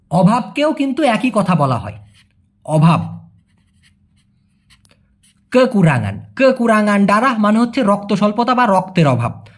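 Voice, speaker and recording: Brief: husky-voiced male teacher, chatty, animated up-and-down delivery. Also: sits high. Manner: chatty, explains with repeated questions and jokes. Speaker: language teacher. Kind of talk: casual language lesson.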